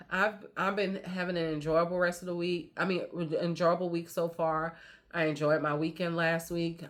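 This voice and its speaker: An older woman, a grandmother, talking to her viewers in a chatty, rambling vlog. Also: low voice. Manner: chatty, rambling, animated when quoting others. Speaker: vlogger. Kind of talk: casual chat.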